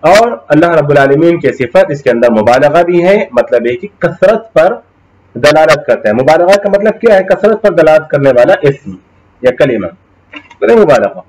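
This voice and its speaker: A man's voice: a little high, very animated, moderate pace, darkish tone, low-quality recording. A male Islamic studies teacher giving a classroom lecture, explaining Arabic terms, checking in with his students and reciting Quranic verses.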